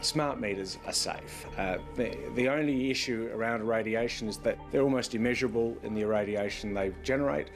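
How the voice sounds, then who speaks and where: A man speaking in a measured, reassuring way as an industry spokesman in an interview. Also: medium pitch. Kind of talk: unscripted interview. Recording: music under the voice.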